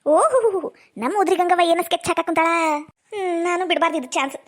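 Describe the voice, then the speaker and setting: A woman's voice: very high voice, quick pace. A woman voicing a greedy, scheming village neighbour in a comic cartoon, with a North Karnataka accent and a sly, plotting manner. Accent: North Karnataka Kannada. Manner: sly, plotting, rustic talk.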